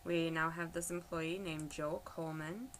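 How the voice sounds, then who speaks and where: A woman's voice: sits low, steady tone, normal speed. A woman giving casual explanatory narration in an unscripted way. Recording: faint background noise.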